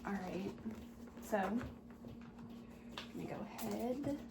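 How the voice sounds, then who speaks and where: A woman doing a soft-spoken, whispered role-play as a helpful, patient librarian, talking gently and politely as if serving patrons at the desk. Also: mid-range voice, extremely slow. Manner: gentle, polite customer-service talk with small murmured asides. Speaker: ASMR performer playing a librarian at a checkout desk. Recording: roomy echo, clear background noise.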